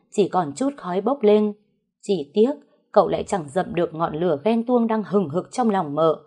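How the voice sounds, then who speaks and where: A woman's voice: fairly low pitch, dark tone, breathy edge. A woman narrating a first-person family drama story, dramatic with sly asides.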